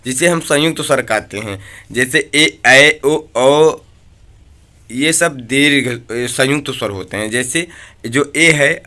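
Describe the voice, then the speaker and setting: A man's voice: mid-range voice, sharp tone. A man teaching an exam-prep grammar lesson, asking questions and answering them himself while drawing out vowel sounds to demonstrate. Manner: drills with repeated questions and answers.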